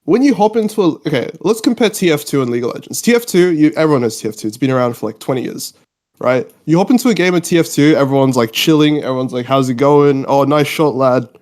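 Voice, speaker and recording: A man's voice: on the high side, expressive, fast, a little mellow. Informal young man from Australia, rambling casually. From Australia, born in Mauritius, lived in UK. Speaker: podcast guest. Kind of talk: casual chat.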